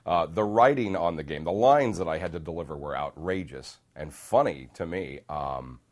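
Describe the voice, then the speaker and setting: A voice actor in an interview, recalling his recording sessions with relaxed amusement. His voice sits very low. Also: moderate pace. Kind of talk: interview recollection.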